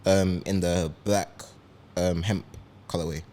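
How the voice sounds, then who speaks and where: A young man with a low voice, talking in a relaxed way as a podcast co-host. He describes things in careful detail. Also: slow. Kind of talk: casual chat.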